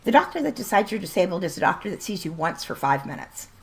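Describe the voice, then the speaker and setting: She speaks fast, her low, creaky voice swinging widely in pitch. During a game livestream she chats casually and bluntly, laughs often, and is beginning to lose her voice.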